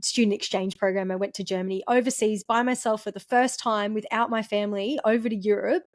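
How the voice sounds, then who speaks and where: Woman, mid-pitched voice, chatty, affirming, dry close recording. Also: fairly even intonation, a little fast, no room sound. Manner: chatty, affirming, acts out quoted voices while telling stories. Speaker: podcast co-host. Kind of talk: casual chat.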